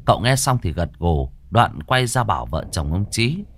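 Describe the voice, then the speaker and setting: A man narrating a Vietnamese ghost story with a lively, dramatic delivery. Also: low-pitched, moderate pace.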